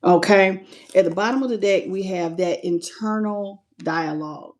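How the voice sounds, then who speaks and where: Woman, tarot reader, casual live-stream talk, blunt, teasing, greets chat by name, mid pitch. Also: normal speed, darkish tone.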